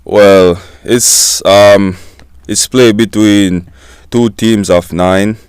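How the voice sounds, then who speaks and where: A Jamaican man in his twenties, a student-athlete guest giving short, soft-spoken answers in a casual interview. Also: fairly low pitch, steady tone, drawn-out words, clean tone, no room sound, clean studio sound. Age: 20s.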